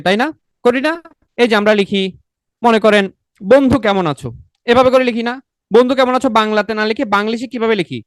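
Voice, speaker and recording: Teacher, mid-pitched, coaxing question-and-answer drilling, dry recording. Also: dry recording. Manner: drills by asking questions and answering them itself; repetitive and coaxing, often adds a checking "okay?". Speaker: exam-prep teacher. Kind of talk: online exam-prep lecture.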